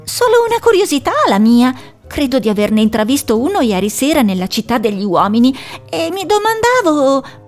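A woman voicing a nervous young female owl who talks high and flustered. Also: sing-song, normal speed, soft background music.

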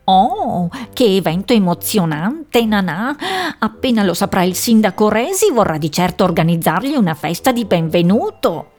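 A woman's voice: mid-range voice, big pitch swings, moderate pace, a little mellow, faint music behind. A woman voicing a male duck who is a kindly deputy mayor, friendly and reassuring. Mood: delighted.

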